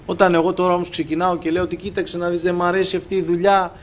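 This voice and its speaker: A man's voice: high voice, level tone. A man preaching a sermon to his congregation, addressing them as brothers and acting out exchanges with God. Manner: impassioned, acts out dialogues with God, addresses brothers. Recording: dull lo-fi recording with faint ambience.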